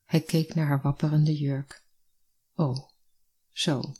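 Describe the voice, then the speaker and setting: A storyteller reading a literary story aloud in a calm, measured way. The voice is husky and a little breathy. Its pitch sits in the middle range. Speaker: narrator. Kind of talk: scripted narration of a literary story.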